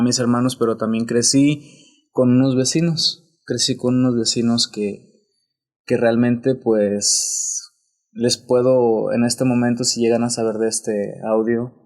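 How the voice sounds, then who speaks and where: Reflective Mexican priest. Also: male voice, medium pitch, a little mellow. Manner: reflective, unhurried, with frequent restarts. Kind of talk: podcast interview.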